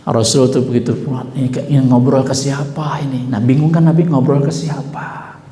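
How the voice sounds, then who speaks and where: A man with a Sundanese accent preaching a sermon, telling a story with lively acted-out voices and often addressing the listeners directly. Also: medium pitch, moderate pace. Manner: animated storytelling, acts out quoted voices, addresses audience as Pak. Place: mosque hall. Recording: echoey mosque hall.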